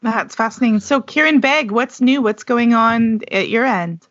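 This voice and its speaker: A woman's voice: on the high side, moderate pace. A woman hosting a casual podcast chat, talkative and laughing easily. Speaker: podcast host. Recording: dull lo-fi audio.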